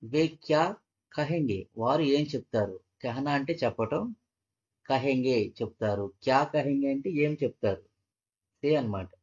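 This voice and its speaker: A man's voice: medium pitch, moderate pace, darkish tone, breathy edge. A man teaching a language lesson, patiently repeating each phrase and breaking it into parts. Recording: dull, muffled lo-fi audio.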